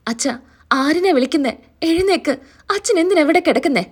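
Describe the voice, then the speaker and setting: A woman's voice: very high voice, animated, brisk, voice pushed up. A woman retelling a story, voicing a worried young man coaxing his father to come home. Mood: pleading. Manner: urgent, coaxing.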